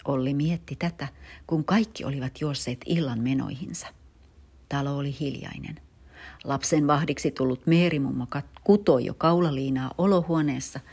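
A woman with a low, slightly husky voice reads a children's story aloud. Her delivery is expressive and her pitch moves a lot. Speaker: narrator.

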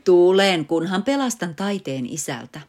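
A woman voicing a fussy but caring mother rabbit in a storybook, with sharp, scolding exclamations. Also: lowish voice, big pitch swings, pitched above the performer's own voice. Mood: exclaiming.

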